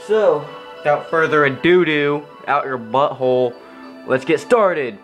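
His voice is a little high and unhurried as he riffs on gameplay, joking in a hyper, goofy let's play style. He's in a room at home next to a TV playing the game, its video game music audible in the background.

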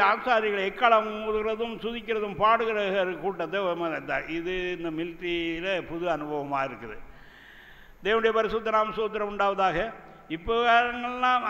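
An older man preaching a sermon from a church conference stage into desk microphones. He teaches slowly from scripture and reads verses aloud. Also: sits high, sharp tone, dull audio. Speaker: pastor. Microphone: two desk microphones. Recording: long hall reverb.

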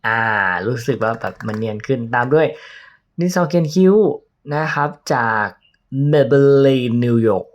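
A man's voice: medium pitch, lively intonation, moderate pace. Playful chatty man doing a makeup vlog. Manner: playful, chatty, laughs at himself. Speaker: makeup vlogger. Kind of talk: casual makeup tutorial vlog.

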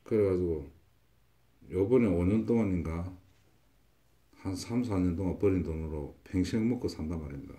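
With a deep, dark voice, a male fortune teller delivers predictions confidently in a consultation, going back over the same points again and again. He speaks at a moderate pace and leaves long pauses.

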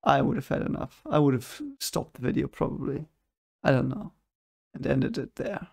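A young man sits at a desk in a room at home, hosting a reaction video and casually waving off the clips as fake, pausing at times to find a word. His mid-range voice carries vocal fry and a slightly mellow quality, picked up by the desk mic in front of him.

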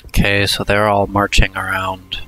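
A man giving casual let's-play commentary, thinking aloud in an unhurried way with hesitant asides. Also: on the low side, completely flat delivery, pushed and bright, faint music behind. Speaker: gameplay commentator.

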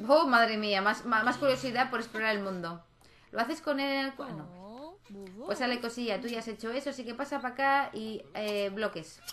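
A woman's voice: fairly high pitch, moderate pace, fairly bright tone. Chatty woman narrating her life-sim game. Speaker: gaming channel host. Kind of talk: casual gameplay commentary.

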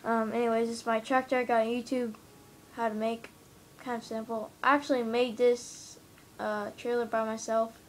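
Slightly high and even in tone, this woman talks at a moderate pace against faint background noise. Filming her TV with a handheld camera at home, she gives a loose, meandering walkthrough of her game build, peppered with hesitant "um"s and "uh"s.

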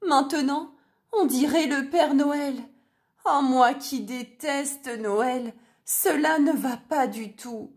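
A grumpy big storybook wolf, as a woman puts him on, crying out in dismay, his voice climbing higher than her narration. He speaks slowly and with emphasis. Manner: exclaiming in dismay.

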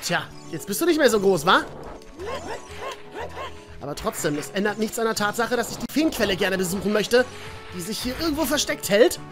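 This woman comments on her gameplay in a chatty, brisk way, calling her audience "ihr Lieben" and cursing the enemies mildly. Her mid-range voice has a sing-song lilt, broken by long pauses, over background music.

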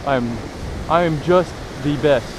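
A young man filming a fishing vlog on a beach, talking to viewers in a joking, excitable way. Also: a little high, slow. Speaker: fishing vlogger. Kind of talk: casual excited vlog commentary. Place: beach by the surf, outdoors. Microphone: action camera. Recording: wind and surf noise.

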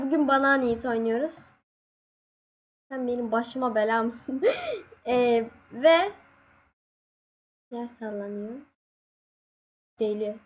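A young woman casually commenting on her gameplay, excitable, laughing and yelping when scared. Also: high-pitched, husky. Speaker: gaming channel host.

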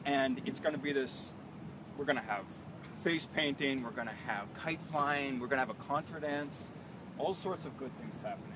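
This is a live tour of an outdoor garden led by an urban farm manager, a man in his thirties, filmed on a phone a few feet away with noise in the background. He walks and points at plants while enthusiastically explaining the vegetables. His voice is mid-range and his pace moderate.

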